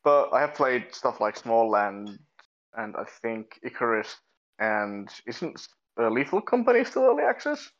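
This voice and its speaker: A man chatting casually on a gaming podcast, relaxed and a little wry. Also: mid-range voice, a little slow. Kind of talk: casual chat. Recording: dull lo-fi mic.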